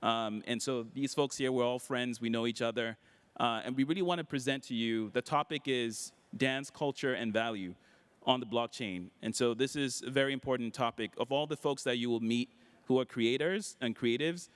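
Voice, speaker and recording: A man moderating a conference panel in a relaxed, upbeat way, with many fillers. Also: mid-range voice, moderate pace, smooth. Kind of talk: casual panel talk. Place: conference hall.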